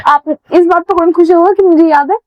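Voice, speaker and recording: A young woman answering quiz questions as a student in a casual vocabulary lesson, playful and quick. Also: very high-pitched, fairly even intonation. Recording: slightly dull dry sound.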